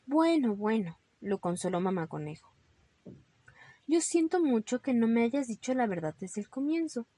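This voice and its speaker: A woman's voice: a little high, very animated, warm tone. A woman voicing a bossy mother rabbit, firm and scolding, in a storybook read-aloud. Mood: gentle. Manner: firm and scolding, quick to alarm.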